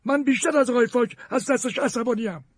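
A man voicing an excitable male detective, talking fast and forcefully in a storybook reading. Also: extremely high pitch, dry recording, studio quality, voice pushed up. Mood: indignant.

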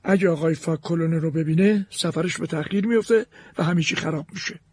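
A man voicing an excitable male detective, talking fast and forcefully in a storybook reading. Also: on the high side, breathy edge, no echo, voice pushed up. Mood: eager.

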